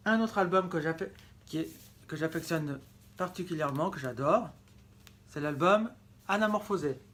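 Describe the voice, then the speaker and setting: A man's voice: a little high, moderate pace, a bit bright. A man presenting his vinyl collection in a casual vlog, enthusiastic and often correcting himself mid-sentence. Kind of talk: casual show-and-tell vlog.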